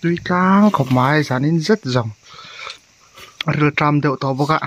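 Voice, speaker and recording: A man's voice: on the high side, unhurried, a little hiss or hum. A man chatting casually and laughing often while out hunting rats. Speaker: rat hunter. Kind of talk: casual chat outdoors.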